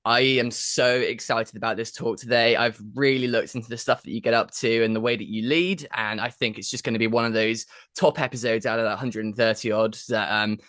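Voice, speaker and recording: A man's voice: mid-range voice, fairly even intonation, brisk, hardly any pauses, fairly bright tone, no room sound, studio quality. A man hosting a podcast, presenting and interviewing in an effusive, enthusiastic, informal way. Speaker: podcast host.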